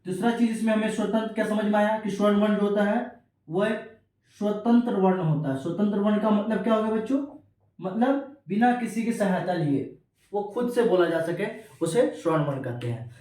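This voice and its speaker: A man teaching an exam-prep grammar lesson, repeating key terms slowly and calling his students children. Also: sits high, warm tone. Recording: very echoey room, distant from mic.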